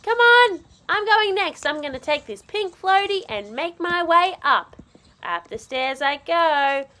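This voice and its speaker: A woman voicing an excited, playful little cartoon puppy kid in children's toy role-play, exclaiming and repeating words eagerly. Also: extremely high pitch, a little slow, heavily acted.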